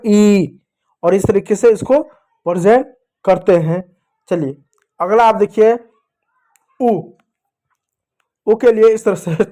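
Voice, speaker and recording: A man's voice: high voice, dark tone. A man teaching young children to read, patiently repeating each sound and answering his own questions. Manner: addresses the viewers as dear children. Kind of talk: children's reading lesson.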